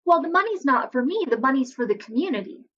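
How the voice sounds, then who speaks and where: A woman's voice: sits high, sing-song, quick pace, fairly bright tone, muffled recording. A woman playing an earnest housewife in a tabletop game, talking persuasively. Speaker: player voicing a housewife. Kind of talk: in-character role-play.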